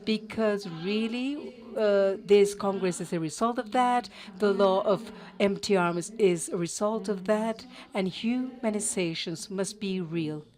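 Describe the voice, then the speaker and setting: A woman interpreting a conference panel live, halting, with cut-off words and restarts. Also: medium pitch, darkish tone. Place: conference auditorium.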